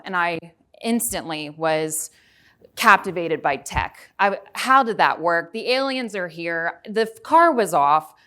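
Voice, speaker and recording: Speaking in a conference hall, this Houston, Texas native in her forties keeps her talk conversational and quizzes the crowd. Her voice is lowish with a sharp edge.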